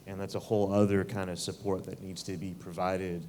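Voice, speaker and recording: A man speaking as a panelist at a fireside chat, measured and thoughtful, pausing on fillers. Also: deep voice, level tone, darkish tone, a little hiss or hum.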